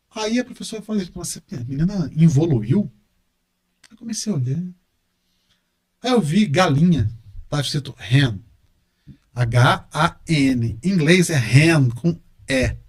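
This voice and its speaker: This middle-aged man speaks with a Brazilian Portuguese accent and a fairly high voice. A university professor and engineer, he's a guest on a casual podcast interview, talking animatedly and repeating words for emphasis.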